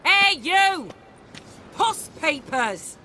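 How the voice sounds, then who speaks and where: Brash cocky gang leader. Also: female voice, mid-range voice, lively intonation, slow pace, a bit bright, faint music behind. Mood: cocky, scheming. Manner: cocky, mocking. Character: brash foul-mouthed female gang leader.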